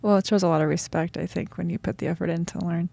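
Woman interviewer, low voice, gravelly, curious questions, dry sound. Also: fairly even intonation, fast, no room sound. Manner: curious, gently encouraging questions. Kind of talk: casual interview.

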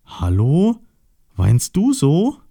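A man's voice: medium pitch, big pitch swings, normal speed, vocal fry, mellow, no echo, studio quality, voice pushed up. A man voicing a small, shy, colorful piglet in a storybook, with a timid, childlike and wistful manner. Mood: sad. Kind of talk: storybook voice acting.

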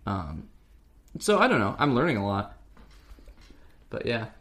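A man's voice: medium pitch, wildly swooping pitch, measured pace, fairly bright tone. A young man co-hosting a podcast, chatting casually and rambling a bit. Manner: rambling, fake-ad delivery at times. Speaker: podcast co-host. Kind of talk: casual chat.

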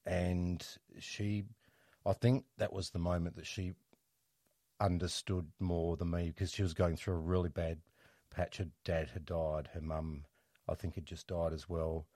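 A middle-aged man telling a personal story as an interview guest, reflective and halting, restarting his sentences often. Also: low-pitched, flat delivery, dark tone, no echo, clean studio sound.

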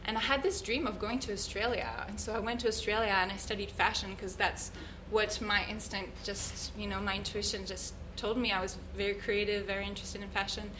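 A woman's voice: medium pitch, flat delivery, brisk, hardly any pauses, fairly bright tone, a little hiss or hum, poor audio. Earnest woman telling her story. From Switzerland. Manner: earnest, thoughtful, searching for words. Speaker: guest, yoga teacher. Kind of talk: reflective personal storytelling.

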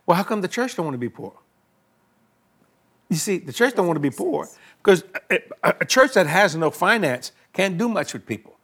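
Older guy, tv preacher, folksy talk, kinda high voice. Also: sing-song, normal speed, a bit bright. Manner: folksy, colloquial grammar. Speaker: televangelist host.

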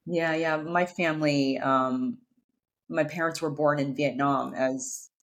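A woman hosting a business podcast, upbeat and curious, asking her guest questions in quick runs. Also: sits low, fairly even intonation. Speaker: podcast host. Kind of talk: podcast interview.

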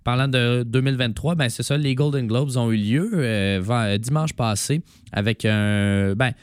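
A man with a Quebec French accent and a hoarse, raspy smoker's voice from laryngitis, co-hosting an informal, hesitant cinema chat. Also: medium pitch, a little slow, dry recording, studio quality. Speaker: radio show co-host. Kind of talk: casual chat about cinema.

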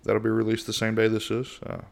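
A middle-aged man from the United States talks through a relaxed solo podcast in a monotone, meandering with fillers and restarts. His voice is on the low side with vocal fry, and his pace is fairly quick.

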